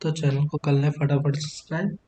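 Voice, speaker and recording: A young gaming YouTuber narrates his match with comedic commentary, trading crude jokes and banter with teammates. His voice is on the high side and mellow, brisk in delivery, with little pitch movement.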